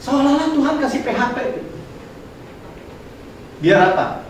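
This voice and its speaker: A man preaching a casual, lively sermon, slipping English words into his talk. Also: extremely high pitch, a little slow, slight background noise. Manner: animated and colloquial, mixing English words. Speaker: pastor. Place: church hall. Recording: echoey hall, voice from far off.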